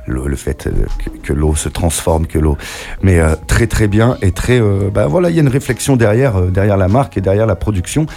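A man hosting a casual interview, relaxed and supportive, backing his guest with short affirmations. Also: on the low side, brisk, gravelly. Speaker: interview host.

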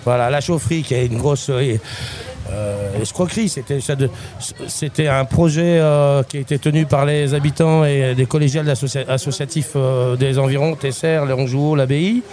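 A man's voice: medium pitch, normal speed, a little mellow. A middle-aged man with a Grenoble-area accent, a local resident chatting casually in an outdoor interview, talkative and often searching for words. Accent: Grenoble area (Grésivaudan). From Grenoble, France. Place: outdoors at a neighborhood festival.

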